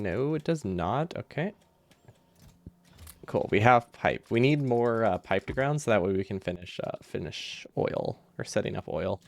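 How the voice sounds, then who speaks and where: During a gaming livestream, a man talks casually at medium pitch with vocal fry, in a dry recording. His rambling, easygoing thinking-aloud is slightly impeded by a loose dental retainer.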